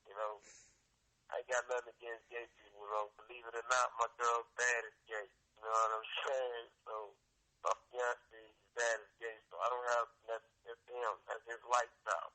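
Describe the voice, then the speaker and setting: A man's voice: medium pitch, level tone, normal speed, bright, forceful tone, low-quality recording. A man talking as a rapper guest in a casual interview, laid-back and slangy with hesitant restarts.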